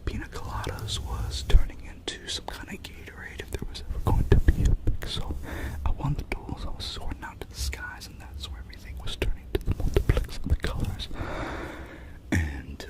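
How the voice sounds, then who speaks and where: A man speaking in a breathy, unvoiced ASMR whisper, rambling through semi-intelligible storytelling. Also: mid-range voice, wildly swooping pitch, brisk. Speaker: ASMR video creator.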